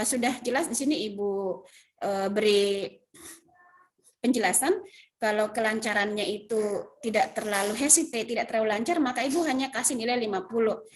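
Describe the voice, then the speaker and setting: A woman English teacher patiently explaining an assignment and its grading step by step, with many fillers and self-corrections. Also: mid-range voice. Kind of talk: recorded online class explanation.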